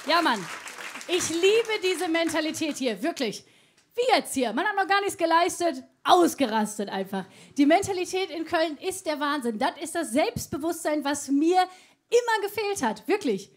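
A woman's voice: very high-pitched, big pitch swings, normal speed. A woman performing a chatty stand-up routine on a comedy club stage, teasing the crowd. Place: comedy club stage before a live audience. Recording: faint music and crowd behind.

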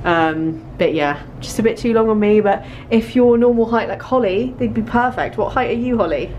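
This young British fashion vlogger speaks at a moderate pace in a fairly high voice, chatting to her handheld camera in a small store's fitting room. She tries on clothes and repeats words for emphasis; the recording is muffled, with a little hiss or hum.

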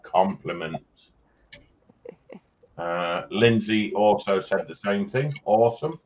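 A man's voice: fairly low pitch, animated, slow pace. A man hosting a livestream, casually reading out viewer comments and joking with chat. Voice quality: chatty and jokey, laughs often. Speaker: livestream host. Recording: slightly dull sound with faint background noise.

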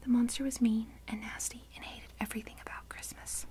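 A woman reading a children's storybook aloud in a soft, unvoiced ASMR whisper. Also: fairly high pitch, level tone, fairly quick. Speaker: reader.

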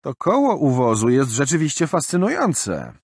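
A man's voice: medium pitch, very animated, moderate pace, slightly rough, no room sound, pitched above the performer's own voice. A man voicing a wry young man who teases and mocks with dry humor. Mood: wry, mocking. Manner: dry, mocking.

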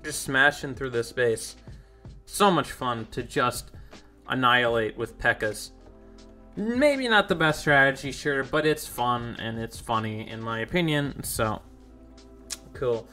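A man's voice: mid-range voice, lively intonation, measured pace, sharp tone, soft background music. A young man giving rambling, casual commentary over his own gameplay, easily confused and self-deprecating. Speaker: gaming YouTuber.

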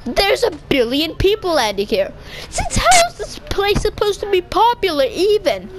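A woman giving casual, chatty commentary over her gameplay, excitable and constantly correcting herself mid-sentence. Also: extremely high pitch, moderate pace, noisy background. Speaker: gaming video creator.

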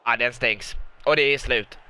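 A young Swedish man doing lively mock football commentary over a video game, often breaking into excited shouts and repeated goal calls. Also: medium pitch, clean tone. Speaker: gaming YouTuber commentating his own match.

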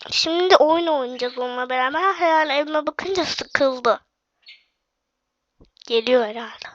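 High-voiced chatty young woman with a cough. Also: measured pace, dry recording, muffled recording. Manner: chatty, addresses viewers directly. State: sick with a cough. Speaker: gaming channel host. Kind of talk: casual game commentary.

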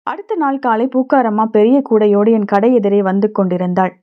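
A woman narrating a short story for an audiobook in a steady, measured reading, on a dull lo-fi recording. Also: medium pitch.

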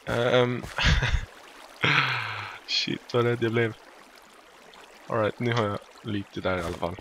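A man's voice: medium pitch, bright, forceful tone, a little hiss or hum. A Swedish man giving playful, casual commentary while playing a video game, often singing made-up lines and exclaiming. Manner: playful, improvises silly songs and exclamations. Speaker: let's play gamer.

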